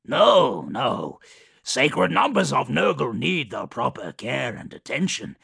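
A man voicing a huge, rotting male plague daemon, proud yet insecure, who speaks in louder, higher defensive outbursts. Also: wildly swooping pitch, takes it slowly, gravelly, slightly rough, full character voice. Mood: defensive, agitated.

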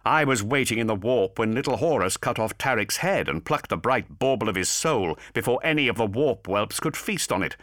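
A man's voice: medium pitch, animated, fairly quick, few pauses, fairly bright tone, no room sound, studio quality, voice pushed up, lightly acted. A man voicing a gloating male daemon in a warrior's body, mocking and taunting as he speaks.

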